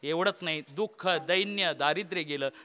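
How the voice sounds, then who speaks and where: A man's voice: fairly high pitch, moderate pace, sharp tone. A man preaching a comic devotional kirtan sermon, telling the story theatrically, quizzing the audience and breaking into song. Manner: asks the audience questions.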